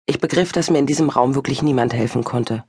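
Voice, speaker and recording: A woman narrating a novel in the first person, in a measured and reflective way. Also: extremely low pitch, darkish tone, husky, no room sound, clean studio sound. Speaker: audiobook narrator.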